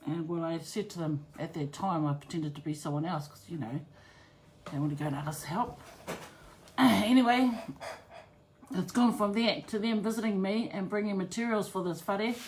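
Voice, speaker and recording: A woman's voice: fairly low pitch, moderate pace, darkish tone, rough recording. A middle-aged woman with a Māori New Zealand English accent, giving a casual, plain-spoken personal account as an interviewee, with Māori words mixed in. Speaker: interviewee telling her family's story. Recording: clear background noise and ambience.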